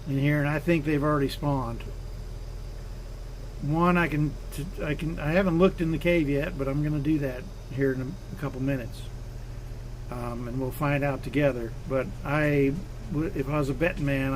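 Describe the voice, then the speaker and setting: A man's voice: fairly high pitch, a little hiss or hum. A man hosting a live stream from his home fish room, casually explaining his fish while he works on the tanks.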